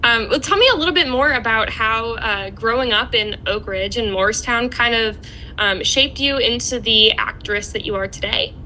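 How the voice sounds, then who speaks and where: A woman asks friendly, short questions on a video call. Her voice is bright and pitched a little high, with a faint rumble behind. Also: normal speed, low-quality recording. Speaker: interviewer. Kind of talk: casual virtual interview.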